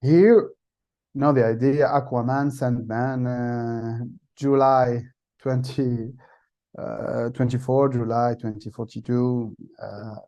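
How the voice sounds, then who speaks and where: A man giving an online masterclass over a video call, talking haltingly with many fillers and restarts and loose phrasing. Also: mid-range voice, fairly even intonation, dark tone, dull audio. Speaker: masterclass instructor. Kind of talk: online workshop talk.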